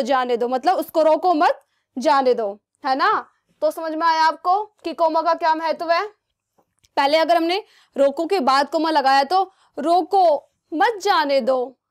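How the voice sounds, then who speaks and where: Woman math teacher, high voice, coaxing, keeps checking the class understands. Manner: asks many check questions, coaxing and repetitive. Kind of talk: classroom lesson for children.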